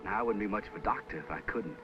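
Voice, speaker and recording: An actor playing an easygoing young country doctor with a Southern accent and a folksy drawl, in a 1950s TV western. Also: male voice, on the low side, very fast, lightly acted. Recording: dull lo-fi old TV soundtrack.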